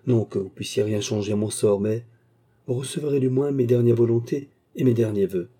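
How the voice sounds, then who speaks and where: A man's voice: medium pitch, a little fast, mellow, natural voice. A man reading the lines of a tormented nobleman in a grave, solemn, declaiming way. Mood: pleading.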